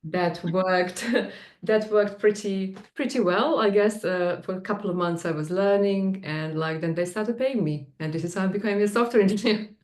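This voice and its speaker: A woman's voice: mid-range voice, normal speed, a little mellow, roomy sound. A woman from Serbia with a Serbian accent, a guest in a casual interview, talking with many fillers and restarts and laughing easily. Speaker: guest, tech manager.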